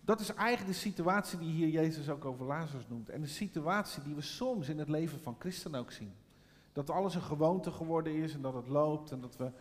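A man's voice: on the high side, big-room sound. A middle-aged man preaching a sermon, telling a personal story and then rising into fervent preaching. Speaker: pastor.

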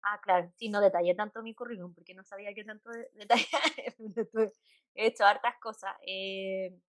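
A woman from Chile with a Chilean Spanish accent, a psychologist chatting as a guest, with many fillers and soft laughs. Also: mid-range voice, fairly even intonation, a little fast, no echo. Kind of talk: casual interview chat.

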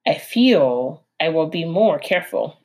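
A woman voicing a calm female robot who speaks plainly and quietly. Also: low voice, measured pace.

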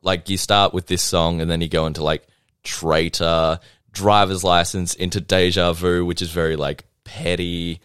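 A man's voice: low-pitched, flat delivery, normal speed, a bit bright, clean tone, no room sound, clean studio sound. A young man casually reviewing an album in a chatty, rambling, self-deprecating way, full of ums and likes. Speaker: music reviewer.

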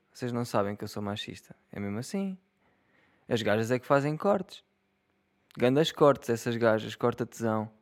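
A young man with a European Portuguese accent riffs alone to his audience in a casual monologue. He jokes, swears freely and laughs at his own lines, his voice sitting at an ordinary mid pitch. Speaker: solo podcaster. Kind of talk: casual solo monologue to viewers.

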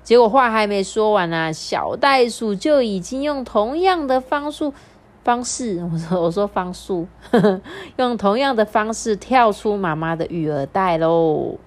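A young woman reads a children's story aloud to young listeners. Her voice sits at an ordinary pitch, and her delivery is playful and animated, with long, drawn-out endings on her sentences. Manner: playful and animated, drawing out sentence-final particles. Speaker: storyteller host.

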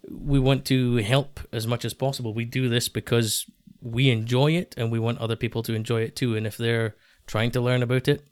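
A man hosting a podcast in casual talk, earnest and a little halting, often repeating his phrases. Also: medium pitch, smooth, no echo, clean studio sound. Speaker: podcast host.

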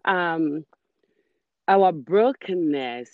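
A woman speaking as a guest minister in a faith-based interview, earnest and measured in a preacherly way. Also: low voice, animated, no echo. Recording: muffled lo-fi sound.

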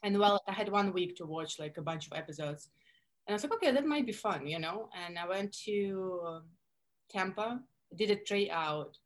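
A woman in her thirties speaks English with a Russian accent. Her voice sits at a middle pitch, and she tells her stories in an animated, chatty way full of fillers and restarts. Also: moderate pace. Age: 30s. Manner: animated storytelling with many fillers. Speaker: guest. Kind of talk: casual interview chat.

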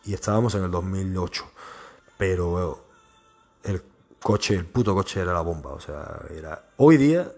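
Casual rambling man, low voice. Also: normal speed. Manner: rambling, animated, swears freely, mimics engine sounds. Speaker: podcaster telling personal stories. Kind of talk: casual storytelling monologue.

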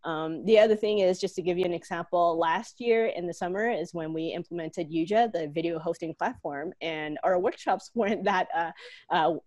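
A woman from Hong Kong talks casually on a podcast from her home office. Her voice sits a little low. She chats along, leaning on "like" and "um" fillers. The recording is dry, with no room sound. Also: normal speed, darkish tone, dry recording. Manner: chatty, leans on "like" and "um" fillers. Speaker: online learning lead and co-host.

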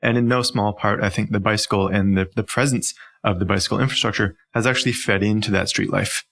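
A man from Ontario, Canada, with a Canadian accent and a lowish, fairly bright voice, speaks quickly with vocal fry and fairly even intonation. He's an urban planning professional appearing as a podcast guest, answering in an articulate, conversational, explanatory manner.

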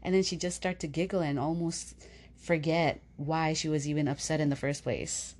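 Low-voiced woman telling a parenting story. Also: steady tone. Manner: warm storytelling, unhurried, frequent fillers. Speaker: podcast co-host, mother. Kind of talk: casual faith and parenting chat.

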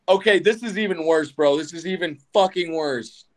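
A young man guesting on a podcast, telling crude stories in a self-mocking, animated way and swearing often. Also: high-pitched. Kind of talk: casual crude storytelling.

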